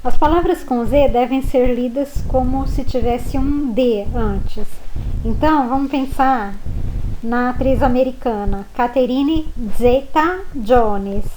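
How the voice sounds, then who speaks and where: A woman from Brazil teaching a pronunciation lesson, spelling out letters and modelling each word slowly and patiently. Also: sits high, steady tone, dark tone, a little hiss or hum, rough recording. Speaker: language teacher. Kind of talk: slow spoken lesson.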